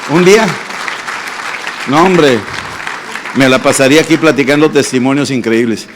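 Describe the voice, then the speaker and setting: Pastor man telling testimony stories in a sermon, lively, acts out voices and sound effects. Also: mid-range voice, moderate pace, crowd noise, noisy background. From Mexico. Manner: animated storytelling with sound effects and acted dialogue. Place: church congress hall.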